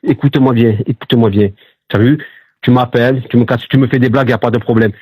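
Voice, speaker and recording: A man's voice: medium pitch, steady tone, fast, darkish tone, slightly rough, dry recording. A man from Marseille with a Marseille accent, angrily arguing on a phone call, hurling insults and repeating himself over and over. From Marseille, France. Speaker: prank call target. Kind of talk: heated phone argument.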